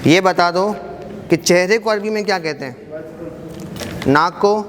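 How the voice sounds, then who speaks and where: A man teaching an Arabic class, briskly quizzing students and encouraging them not to be shy. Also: sits high. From Pakistan. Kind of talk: classroom quiz lesson. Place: mosque hall. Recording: echoey hall with background noise.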